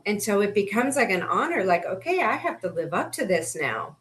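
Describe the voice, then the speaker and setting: A woman's voice: medium pitch, very animated, brisk, fairly bright tone. Earnest, affirming woman horse coach. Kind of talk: casual interview conversation.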